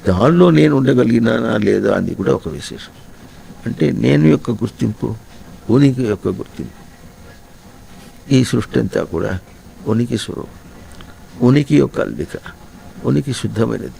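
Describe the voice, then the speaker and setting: A man gives a spiritual discourse in a deeply gravelly voice. His tone is dark and mellow, and he talks in a slow, reflective way, repeating his points and putting questions to his listeners. A faint noise sits behind him. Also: poor audio. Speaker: spiritual teacher.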